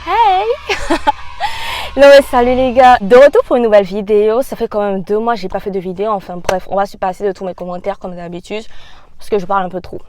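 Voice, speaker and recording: A young woman from Côte d'Ivoire with an Ivorian French accent, telling a casual storytime vlog in a lively, slangy way into a phone in a car. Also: mid-range voice, fast talker, slight background noise. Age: young adult. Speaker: YouTuber. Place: parked car. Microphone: phone in a holder.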